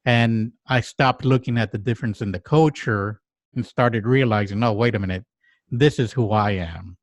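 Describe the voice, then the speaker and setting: A man from Mexico, co-hosting a podcast, talking in a reflective, halting way with many restarts and pauses. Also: lowish voice, no room sound. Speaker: podcast co-host. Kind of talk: reflective casual conversation.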